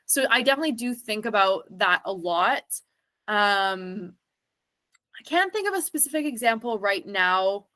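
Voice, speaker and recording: A woman's voice: mid-range voice, expressive, moderate pace, bright, forceful tone. A woman talking as an interview guest, thinking aloud in a rambling way with lots of filler words. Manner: thoughtful, rambling, many "like" fillers. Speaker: interview guest, singer and actor. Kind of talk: casual interview chat.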